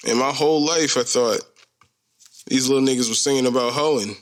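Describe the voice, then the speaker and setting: On his own podcast, a thirtysomething host rambles casually with slang and humor. His voice sits in the mid range and moves at a moderate pace.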